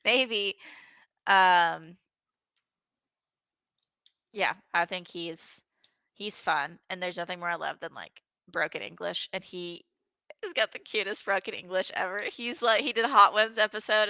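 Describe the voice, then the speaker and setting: A woman co-hosting a podcast in casual chat, profane and excitable, quick to laugh. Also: mid-range voice, clean tone, no room sound. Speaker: podcast co-host.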